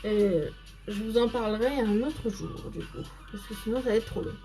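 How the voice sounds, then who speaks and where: A woman's voice: on the high side, moderate pace, dark tone, soft background music. A woman hosting a casual live makeup stream, chatting to viewers by name and explaining each step as she goes.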